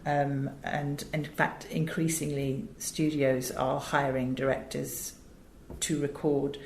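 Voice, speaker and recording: Her voice is bass, flat, slow, and darkish: a middle-aged woman from England with a British accent, guesting in an interview about her work as an audiobook director and producer. She chats conversationally, tells stories with emphasis, and often goes off on asides; the recording has a roomy echo and faint background noise.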